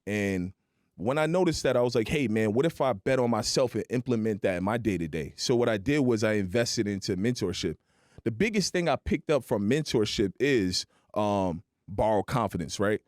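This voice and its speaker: A man with a fairly low voice tells his climb in sales as a steady, motivational story on a podcast. He keeps punctuating points with a quick "right?". The sound is dry and close, with no room around it. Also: no echo. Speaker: podcast guest.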